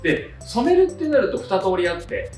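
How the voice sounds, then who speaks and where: Lively high-voiced man explaining hair care. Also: normal speed. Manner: explanatory, frequent fillers, rising lively delivery. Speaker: hairdresser. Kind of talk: explainer video to camera. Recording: roomy, slightly distant with soft music.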